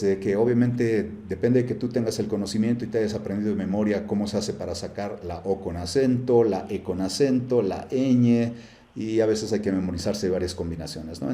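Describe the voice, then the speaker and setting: A man's voice: lowish voice, dark tone, reverberant. A man teaching a live class, chatty, with many fillers and often checking in with the students. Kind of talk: live class screen-share tutorial.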